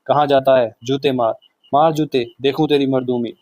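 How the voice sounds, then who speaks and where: A man's voice: mid-range voice, fairly even intonation, normal speed, darkish tone, dry recording, muffled recording, close to an everyday voice. A man voicing a fiery, quarrelsome village woman who scolds and taunts, in a storybook reading. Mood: bitter.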